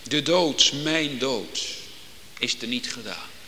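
A man preaching a sermon to his congregation, solemn and emphatic, building to loud declamatory climaxes. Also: mid-range voice, lively intonation, slow pace. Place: church. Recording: long reverb in a church hall, faint background noise.

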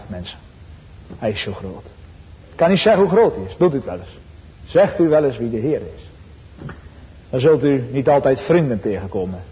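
Dutch preacher guy, slow earnest sermon, echoey church, kinda muffled. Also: mid-range voice. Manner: earnest, rising in fervor, slow emphatic quotes. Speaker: pastor. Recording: dull sound with long church reverb.

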